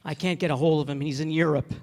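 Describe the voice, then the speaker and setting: Man acting a high-voiced, desperate family man. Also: steady tone, creaky. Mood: contrite, pleading. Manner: halting, stammering, repeating words. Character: desperate, frayed family man at breaking point. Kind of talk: radio drama acting. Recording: echoey hall, stage reverb.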